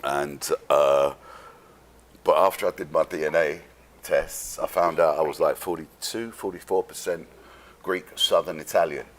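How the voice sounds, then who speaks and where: With a bass voice and a London English accent, a man from London tells stories casually as an interview guest. He rambles and halts, speaking in a streetwise, sweary manner.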